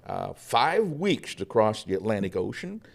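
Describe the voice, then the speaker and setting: A man portraying a humble old-time Norwegian pioneer preacher, chatting in a folksy, storytelling way. The voice has a gravelly edge and swings lively up and down in pitch. It sounds like a podcast guest in character. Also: a little slow, exaggerated voice. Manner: folksy storytelling with frequent uh fillers and chuckles. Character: 1800s Norwegian immigrant pioneer pastor, humble and cheerful. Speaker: guest, historical reenactor. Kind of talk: first-person historical character portrayal.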